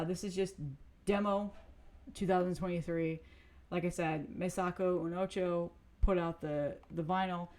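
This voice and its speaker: A woman's voice: lowish voice, darkish tone. A woman vlogger chatting casually to camera, rambling with fillers and restarts as she shows off cassettes. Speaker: music vlogger reviewing cassettes. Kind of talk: casual chat.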